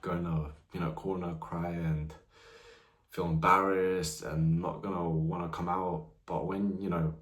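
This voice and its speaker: His voice is low yet fairly bright, his tone level, and his pace a little slow, all in an echoey room. The speaker is a nineteen-year-old vlogger casually rambling to camera about his life, saying "you know" a lot.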